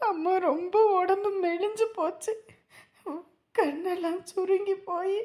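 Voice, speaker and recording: An actress playing a sorrowful young wife in a TV serial, speaking in a plaintive, pleading way. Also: female voice, extremely high pitch, fairly even intonation, unhurried, darkish tone. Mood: longing. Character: sorrowful young wife longing for her estranged mother. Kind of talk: TV serial acting.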